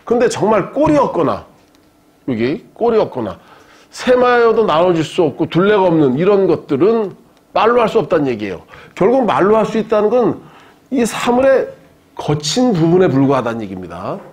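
A man lecturing on philosophy to a live audience, his voice sitting a bit high for a man. The tone is husky rather than clean. He talks in a lively, joking way, laughing along with his own stories. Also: moderate pace. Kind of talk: university-style public lecture.

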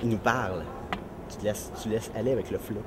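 A man's voice: fairly low pitch, steady tone, brisk, very noisy. A young man with a Quebec French accent, playing a boastful self-made urban bowling champion in a mockumentary interview. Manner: boastful, cocky, rambling. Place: outdoors in a city plaza.

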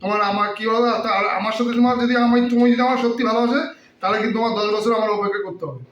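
A man's voice: sits high, steady tone, very fast, a bit bright, dull audio. A young actor playing a younger brother taking charge of his grieving family, urgent and soothing, recorded far off in an echoey room with faint noise. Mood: agitated.

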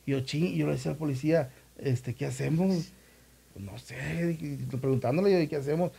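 A man's voice: on the high side, fairly quick, gravelly, dark tone, husky. A man recounting a past event in casual conversation, acting out the voices of the people he quotes. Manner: vivid retelling, acts out quoted voices. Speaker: former newspaper reporter, podcast guest. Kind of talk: casual storytelling chat.

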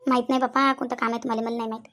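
A woman's voice: a little high, level tone, rapid-fire, fairly bright tone, natural voice. A woman voicing an angry young woman with a Vidarbha Marathi accent, accusing her fiancé and repeating her questions. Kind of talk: cartoon voice acting.

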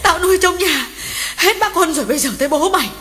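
A woman's voice: mid-range voice, lively intonation, normal speed, bright, forceful tone. A woman voicing a frightened, grieving young mother in an audiobook ghost story, pleading and wailing. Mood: hysterical wailing. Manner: wailing, pleading, breaking into sobs. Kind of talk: audiobook character reading. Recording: long hall reverb, music underneath.

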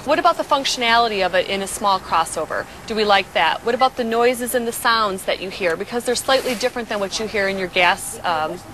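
A woman's voice: medium pitch, a little fast, few pauses, fairly bright tone, a little hiss or hum, low-quality recording. Woman explaining a car outdoors. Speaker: automaker manager. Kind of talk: explaining a product on camera. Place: outdoors by a car on a city street.

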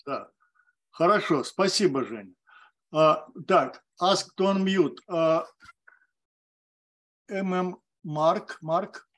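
A man runs an online meeting and keeps time firmly and briskly. His voice is high, and he sounds set back from his microphone. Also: a bit bright. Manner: firm, brisk timekeeping. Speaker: meeting moderator. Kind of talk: moderating a video call.

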